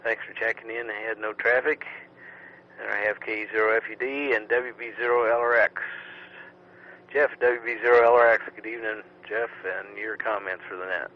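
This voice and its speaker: A man running an amateur radio net as net control, steady and routine, heard through a radio transmission. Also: on the low side, fairly quick. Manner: steady, routine call-and-response. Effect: amateur radio transmission with static. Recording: muffled radio signal with faint static.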